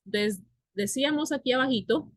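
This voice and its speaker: A woman's voice: sits high, a little fast, no room sound. A woman whose first language is Spanish, teaching an English class and explaining grammar patiently, repeating and spelling out words.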